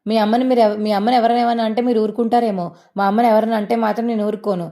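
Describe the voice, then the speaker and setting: A woman's voice: on the high side, steady tone, racing, warm tone, close to an everyday voice. A woman voicing a fiery young daughter-in-law who talks back angrily. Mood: angry. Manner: angry, reproachful.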